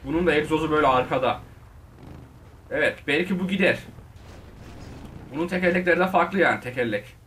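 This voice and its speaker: A man narrates his driving game for viewers in a casual, excitable way. His voice sits high, and he shouts and cheers at the screen. He sounds a little away from the mic, with a faint hum of ambience behind him. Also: brisk, long pauses, far from the mic. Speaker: gaming video host. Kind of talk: casual gameplay commentary.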